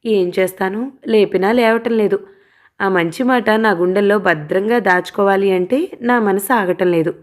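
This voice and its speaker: A woman's voice: mid-range voice, moderate pace, close to an everyday voice. A woman voicing a playful young wife who teases her husband in a coy, sing-song way in an audio novel. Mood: teasing.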